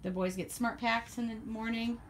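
A woman giving a casual walkthrough of her horse barn on a handheld phone, chatty and quick to laugh as she points things out. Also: fairly high pitch, fairly even intonation, background noise. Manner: chatty, laughs often, lists items as she goes. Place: horse barn, paddock and tack room, in and out of doors. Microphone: handheld phone camera.

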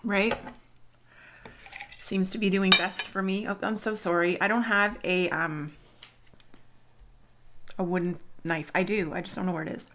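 A woman's voice: medium pitch, fairly even intonation, measured pace, long pauses, fairly bright tone, a little hiss or hum. A woman in her thirties chatting casually to viewers while eating at home, rambling and laughing often. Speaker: mukbang vlogger. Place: home dining room.

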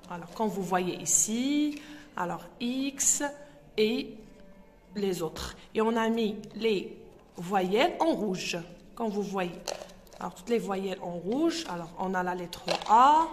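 A woman with Arabic as her native language hosts a reading tutorial for young children, hesitating with fillers and sounding out syllables slowly. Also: medium pitch, in a large hall, slight background noise. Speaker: host and teacher.

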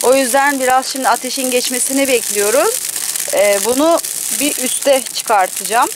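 A woman's voice: sits high, moderate pace. A young woman vlogging outdoors in her garden, chatting casually to the camera and cooing sweetly to her pets. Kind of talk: casual outdoor vlog narration. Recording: clear outdoor background noise.

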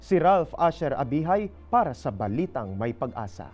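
A young man anchoring a studio newscast, reading a crisp, formal script. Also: medium pitch, big pitch swings, moderate pace, a little mellow. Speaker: news anchor. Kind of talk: scripted news intro.

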